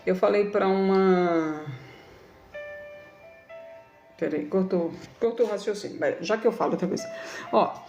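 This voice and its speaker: A woman's voice: medium pitch, normal speed, a little mellow, highs cut off. A woman in her thirties hosting a live stream, talking casually and affectionately to her viewers in a preachy way. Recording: echoey room with faint music.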